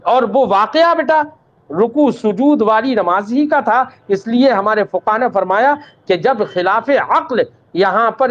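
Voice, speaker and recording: A man teaching an Islamic law lesson. He recites Arabic text, then explains it patiently, calls the students "child" and checks that they understood. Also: sits high. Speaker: religious teacher. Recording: dull lo-fi recording.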